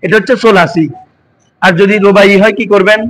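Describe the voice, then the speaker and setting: The speaker is a man with a Bangladeshi Bengali accent giving a classroom lesson and quizzing his students frequently as he goes. His voice sits high and a bit bright, with fairly even intonation and a slightly quick delivery, in a rough recording.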